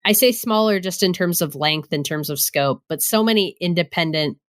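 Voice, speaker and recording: A young woman co-hosting a podcast in casual chat, gushing and animated, talking in quick bursts. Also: lowish voice. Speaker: podcast co-host.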